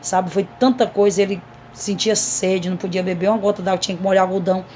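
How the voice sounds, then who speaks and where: A woman's voice: mid-range voice, steady tone, fast talker, mellow, slight background noise. A woman missionary, giving an earnest, repetitive testimony to a congregation. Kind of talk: emotional testimony sermon.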